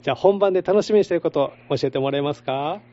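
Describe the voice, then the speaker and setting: Quick, mellow-toned radio host, gentle with kids, constant short nods of agreement, dull lo-fi sound. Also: medium pitch. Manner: gentle, with constant short backchannels and simple questions. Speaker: radio host interviewing children by phone. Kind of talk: casual radio phone interview. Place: radio studio.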